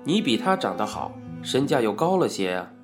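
A man voicing a heavyset police officer who questions suspects in a loud, pressing voice. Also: medium pitch, very animated, normal speed, over music, close to an everyday voice. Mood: bullying. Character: gruff heavyset male police officer interrogating.

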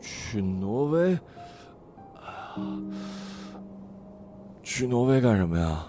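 A man's voice: medium pitch, sing-song, measured pace, dark tone, pitched above the performer's own voice. A man doing a weary, placating partner. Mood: drowsy. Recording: faint background music.

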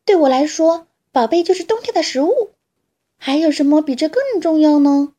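Woman doing a shrill little squirrel. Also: expressive, husky. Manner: shrill, fast and loud when defending. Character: possessive little squirrel guarding acorns.

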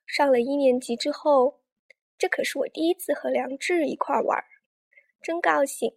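Storyteller: woman, high bright register, gentle children's picture-book narration, coaxing tone. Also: normal speed, creaky. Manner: warm, coaxing tone addressing children.

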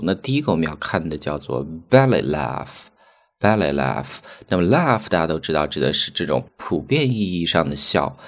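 A man with a very deep voice teaches an audio English lesson. He explains each point patiently and repeats the key words so listeners can follow. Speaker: English teacher and podcast host.

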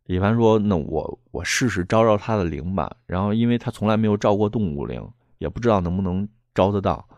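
A man's voice: low-pitched, vocal fry, darkish tone, no echo, lo-fi sound. A man casually retelling a ghost-hunter story, wandering through fillers and restarts. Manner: meandering, full of fillers and restarts.

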